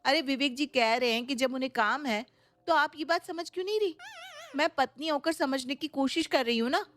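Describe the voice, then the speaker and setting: A woman's voice: high voice, a little fast, a bit bright, slight background noise, voice pushed up. A woman voicing a suspicious young bride who answers her mother-in-law with defiance and sarcasm. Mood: defiant.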